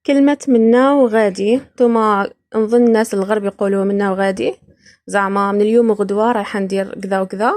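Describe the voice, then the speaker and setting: A woman's voice: medium pitch, steady tone, quick pace, a little mellow. A woman from Iraq hosting a podcast, casually explaining words and laughing often between points. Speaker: podcast host.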